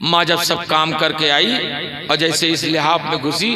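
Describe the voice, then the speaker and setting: A man's voice: a little high, flat delivery, measured pace. A man preaching a storytelling sermon, colloquial and joking with dramatic build-ups. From Gonda region, Uttar Pradesh. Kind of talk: storytelling sermon at a religious gathering. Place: outdoor religious gathering with crowd. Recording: crowd audible at open-air gathering.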